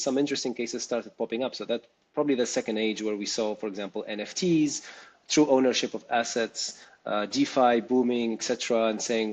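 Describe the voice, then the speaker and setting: A man from Tunisia, a startup co-founder, answering interview questions thoughtfully with frequent pauses and restarts. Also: mid-range voice, darkish tone, breathy edge, poor audio. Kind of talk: interview conversation.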